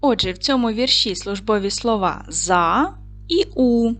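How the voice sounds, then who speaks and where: A woman primary school teacher with a Ukrainian accent, giving a recorded video lesson to children in a clear, patient, instructive way. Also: medium pitch, lively intonation, unhurried, fairly bright tone.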